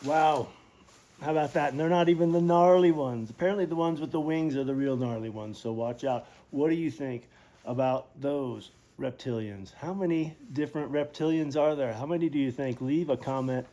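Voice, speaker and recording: A playful male host signs off casually and asks viewers to comment and subscribe. His voice is somewhat high, with a mellow, relaxed tone. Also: normal speed. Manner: playful, chatty. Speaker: channel host. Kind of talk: casual outro.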